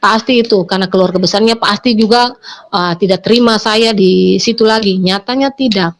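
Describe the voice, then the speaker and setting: A woman's voice: mid-range voice, a little fast. A middle-aged woman retelling a personal testimony, hesitant, with many fillers and self-corrections. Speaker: interviewee giving a testimony. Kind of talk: personal testimony retold in conversation.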